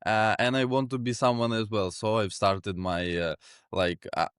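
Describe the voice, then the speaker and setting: A man in his twenties from Ukraine, a guest in a casual interview, talking in a relaxed way with many fillers and small chuckles. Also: on the low side, normal speed, clear, resonant tone, no echo, clean studio sound. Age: 20s. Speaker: guest, sales executive.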